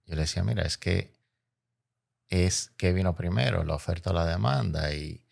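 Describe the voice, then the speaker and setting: Speaking as a logistics expert in an interview, a Dominican man with a Caribbean Spanish accent lays out his points emphatically and oratorically, repeating phrases for effect. His low-pitched voice moves at a moderate pace, a little mellow, with vocal fry.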